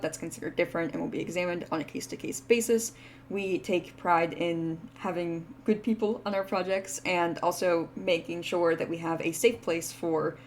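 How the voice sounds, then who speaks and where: A woman VTuber with a fairly low-pitched voice, over a little hiss or hum, announces voice acting auditions for her indie game. She reads the terms out quickly and casually, peppering them with lots of "like."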